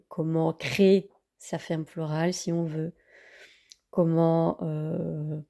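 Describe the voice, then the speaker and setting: Lady vlogger flipping through books, mellow gravelly voice, lots of ums. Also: on the low side. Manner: hesitant, many fillers. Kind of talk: casual book review.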